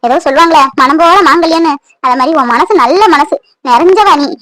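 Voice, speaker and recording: A woman's voice: high voice, fairly quick, fairly bright tone, no echo. Woman voicing a tender elderly mother-in-law. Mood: consoling. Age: older. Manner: soothing, consoling, blessing. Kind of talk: Tamil cartoon voice acting.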